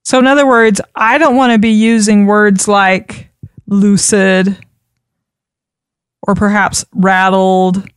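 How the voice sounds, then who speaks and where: Woman trainer, instructional delivery, measured and repetitive, smooth, dry close mic. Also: mid-range voice, steady tone, no echo. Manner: measured, repeats key points for emphasis. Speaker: communication trainer. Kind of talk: instructional talk.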